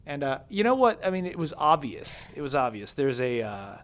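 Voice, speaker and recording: Guy musician in an interview, earnest, retelling a story and translating, mid-pitched everyday voice. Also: very animated, normal speed, a bit bright. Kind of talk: conversational interview.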